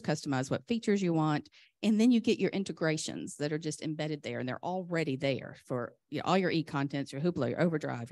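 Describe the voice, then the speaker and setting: Flustered woman giving a rushed lightning talk, creaky low voice. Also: a little mellow, no room sound. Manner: flustered, chatty self-interruptions while juggling laptop; enthusiastic. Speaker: conference speaker, software vendor presenter.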